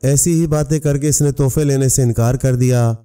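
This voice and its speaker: Brief: male storyteller, mellow dark voice, set back from the mic with faint music. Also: medium pitch, fairly even intonation, moderate pace, smooth, distant mic. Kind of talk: scripted storybook narration.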